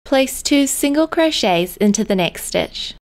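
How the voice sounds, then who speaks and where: Woman calmly giving crochet instructions. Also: high voice, unhurried. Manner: calm, step-by-step instructional. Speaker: crochet tutorial host. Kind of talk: scripted tutorial voice-over.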